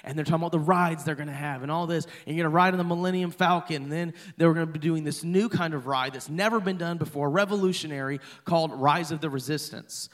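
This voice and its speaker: A man in his thirties preaching in a loose, chatty way, joking with the congregation as he tells a story. His voice sits a little high for a man. He sounds like a pastor in a church. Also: quick pace, hardly any pauses, a bit bright. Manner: chatty and playful, talks to the congregation. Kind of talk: sermon storytelling. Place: church hall.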